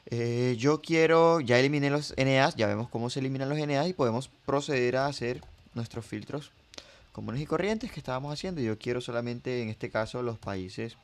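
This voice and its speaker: A man teaching a coding tutorial over his screen, explaining each step, repeating phrases and thinking aloud with fillers. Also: medium pitch. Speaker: R programming instructor.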